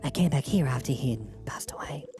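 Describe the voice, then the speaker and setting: A man using a voice changer to raise his voice into a woman's range, voicing a soft-spoken widowed woman in a game with slow, hushed, whispery reading. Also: animated, music in the background. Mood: wistful. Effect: voice changer pitching his voice up into a woman's range. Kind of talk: voicing game dialogue while streaming.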